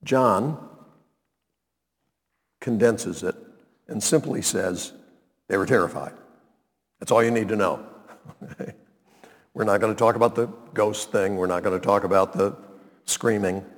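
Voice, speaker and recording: A man preaching a sermon as pastor, talking conversationally with drawn-out phrasing and frequent check-ins with the congregation. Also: fairly low pitch. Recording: long hall reverb.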